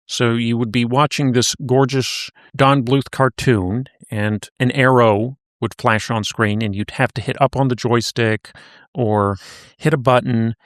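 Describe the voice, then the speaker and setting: A man co-hosting a casual podcast, walking a listener through old cartoons in an easygoing storytelling way. His voice sits at an ordinary middle pitch. The recording is dry, with little room sound. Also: steady tone, unhurried, no room sound. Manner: recapping in a conversational storytelling way. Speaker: podcast co-host.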